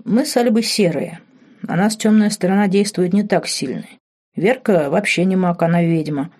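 A woman reading an audiobook voices a solemn teenage boy who explains things calmly. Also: high voice, normal speed. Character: solemn teenage boy, responsible older brother.

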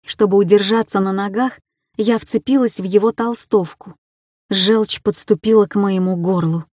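A woman's voice: mid-range voice, fairly even intonation, normal speed, a little mellow, no room sound, clean studio sound. A woman narrating a story in the first person with a tense, emotional reading. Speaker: audiobook narrator.

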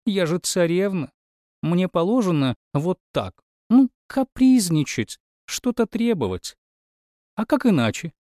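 Man putting on a shrill spoiled tsarevna. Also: sing-song, unhurried, warm tone, no room sound, studio quality. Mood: whiny. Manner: shrill, whiny, throws tantrums. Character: spoiled capricious young tsar's daughter.

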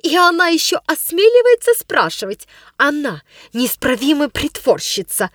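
A woman's voice: high voice, sing-song, normal speed, a bit bright, no echo, studio quality, voice pushed up. A woman voicing a furious middle-aged governess who shrieks accusations in a storybook reading. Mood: shrieking.

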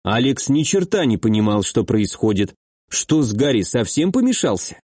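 A man narrating a fantasy audiobook in a steady, measured reading. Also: medium pitch, slightly rough, no echo, clean studio sound.

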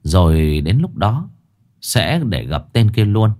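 A man's voice: lowish voice, very animated, takes it slowly, darkish tone. A man narrating a ghost story with dramatic, scripted delivery.

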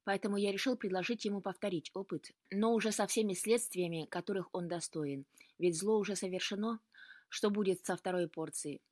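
An earnest, resolute grown man from a storybook, a father who speaks calmly and steadily, voiced by a woman in her own mid-pitched voice. The reading is close and dry. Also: a little fast, no room sound, lightly acted. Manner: calm and resolute.

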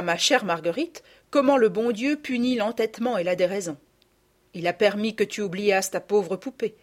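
A woman voicing a gentle but firm mother who speaks in an earnest, admonishing way, in a storybook reading. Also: mid-range voice, lightly acted.

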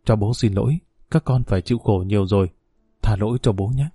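A man voicing a weak father just woken in a hospital bed, talking slowly and softly in a low voice. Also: dry recording, clean studio sound, close to an everyday voice. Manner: slow, soft.

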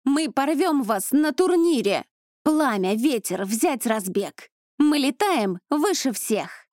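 A woman reading an audiobook, voicing a brash young female cadet who shouts a marching chant. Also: high voice, very animated, slow, no room sound, studio quality, pitched above the performer's own voice, exaggerated voice. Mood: rowdy.

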